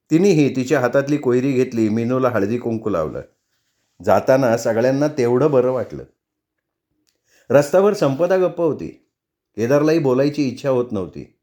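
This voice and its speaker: A male storyteller reads a novel aloud in a measured, expressive voice. His pitch sits in the middle range for a man. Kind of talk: audiobook novel reading.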